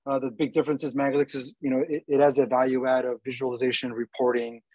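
A man's voice: medium pitch, level tone, fast talker, darkish tone, dry recording. A man presenting at a webinar and answering questions, in a loose, hesitant way with many fillers.

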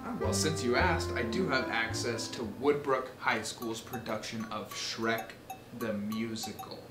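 A woman's voice: a bass voice, measured pace. A woman acting an awkward, eager nineteen-year-old guy who talks oddly formally in a comedy sketch. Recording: roomy sound with music.

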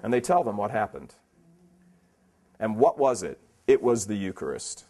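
A man's voice: on the low side, big pitch swings, normal speed, warm tone. A man giving a preaching talk at a conference, emphatic and plainspoken, firing rhetorical questions at his listeners. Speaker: conference speaker.

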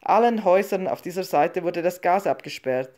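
Blunt workman from the gas company, matter-of-fact, louder and brisker, read by a woman. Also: fairly low pitch, lively intonation, natural voice. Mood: brusque.

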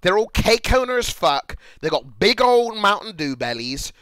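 Excitable young Englishman streamer, bright voice. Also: sits high, moderate pace. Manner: excitable, profane, rambling, giggly. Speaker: livestreamer. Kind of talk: casual livestream reaction chat.

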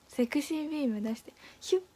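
A young woman with a high voice talks to her viewers on a live stream, playful and quick to giggle. She reads out their comments and answers them in a relaxed, chatty way. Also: slightly rough.

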